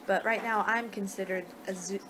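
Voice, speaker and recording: This clip again has the young American woman doing her laid-back vampire ASMR roleplay, chatting on a noisy homemade webcam recording from her living room. Her medium-pitched voice stays fairly even in intonation and moves at a normal speed.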